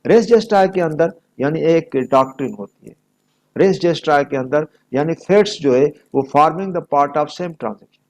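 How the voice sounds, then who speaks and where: With a fairly high, expressive, darkish voice and a very slow pace, a male law lecturer with a Pakistani accent walks through material step by step. He alternates reading aloud with explanation, emphatic and didactic, and repeats important phrases.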